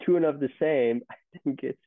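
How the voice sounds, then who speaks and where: A man's voice: a little high, normal speed, dry recording. A man in his thirties, a company CEO, telling stories in a casual interview with many restarts. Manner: rambling, storytelling with many restarts. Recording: tinny phone-like line, dry.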